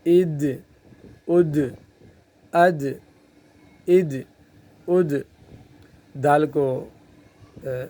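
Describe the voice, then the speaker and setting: A man's voice: mid-range voice, mellow. A man with a Pakistani Urdu accent teaching a tajweed lesson, patiently repeating each Arabic letter sound many times and explaining how to place the tongue. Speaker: Quran recitation teacher.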